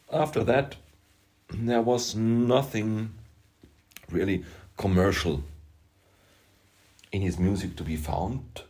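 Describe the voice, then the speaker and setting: Slow, low-voiced Austrian man. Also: a little mellow. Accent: Austrian German. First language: German. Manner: emphatic, halting, self-deprecating asides. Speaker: music producer and rapper. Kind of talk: opinionated vlog monologue.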